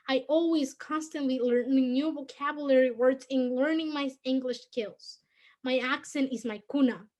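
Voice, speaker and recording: A Guatemalan student in her late teens, a native Spanish speaker with a Guatemalan Spanish accent, reads her own personal prose aloud. Her voice sits high, and her delivery is earnest and measured.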